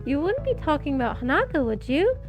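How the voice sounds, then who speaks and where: A woman voicing a composed, polite teenage girl in a visual novel, speaking in a gentle, measured way. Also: sits high, very animated, soft background music. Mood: concerned.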